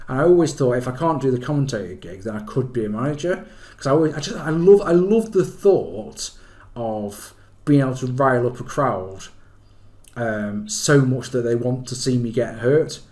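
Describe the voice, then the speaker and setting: A man's voice: medium pitch, normal speed, darkish tone. Man, mid-range voice, casual podcast chat, enthusiastic, emphatic, sweary, wrestling fan talk. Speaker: podcast co-host and former wrestling performer. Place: remote online call.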